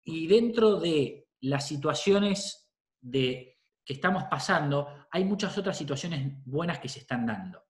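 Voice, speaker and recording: A middle-aged Argentine psychologist with a Rioplatense Spanish accent gives parents an informal, conversational talk, frequently checking in with a questioning "¿sí?". His voice is on the high side and animated, a bit slow, in an echoey room.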